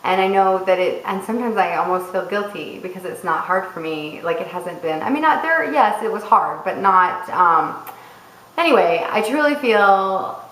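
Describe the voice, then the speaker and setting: A woman's voice: on the low side, normal speed, a bit bright, echoey room, rough recording. A woman vlogger talking casually and rambling, interrupting herself and circling back to her points. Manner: chatty, rambling, self-interrupting. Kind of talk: casual personal vlog.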